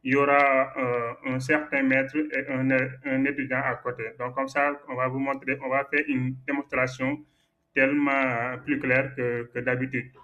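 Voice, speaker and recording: A man's voice: mid-range voice, flat delivery, moderate pace, sharp tone, muffled recording. A man teaching a Quran recitation lesson, patiently correcting a student's errors and repeating the right forms, with frequent hesitations.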